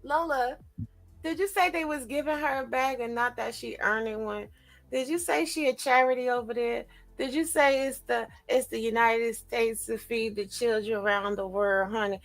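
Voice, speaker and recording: A woman's voice: a little high, moderate pace. A woman on a casual panel chat, teasing and sassy, with faint music behind her. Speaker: panel guest.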